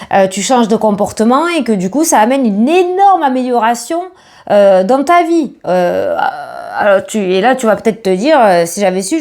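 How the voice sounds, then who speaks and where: Excitable woman reading tarot. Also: on the high side. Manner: excitable, swears when delighted, many fillers. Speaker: tarot card reader. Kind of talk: casual tarot reading monologue.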